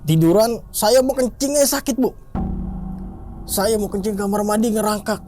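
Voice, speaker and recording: A man telling a story casually, his voice jumping high as he relives the pain. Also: moderate pace, background noise. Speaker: interviewee telling a ghost story.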